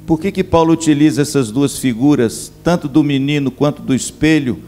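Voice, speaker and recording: A man's voice: on the high side, brisk, dark tone, soft background music. A middle-aged male pastor preaching a sermon at a church camp, speaking to his listeners as brothers. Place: church camp meeting hall.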